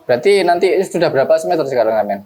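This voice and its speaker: A man's voice: on the high side, lively intonation, very fast, darkish tone, slight background noise. A male podcast host, chatting casually and joking with his guest. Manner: jokey, plays dumb for laughs. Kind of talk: casual interview chat.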